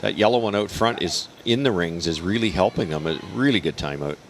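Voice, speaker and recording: A man's voice: sits low, animated, fairly quick, slight background noise. A man working as a color analyst, giving confident, opinionated breakdowns of game strategy. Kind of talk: sports analysis.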